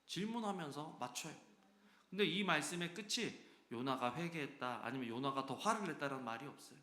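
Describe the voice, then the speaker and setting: A man preaching a sermon as pastor, lively and acting out quoted voices with sudden swings between loud and soft. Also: a little high, fairly quick. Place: church sanctuary. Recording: echoey church hall.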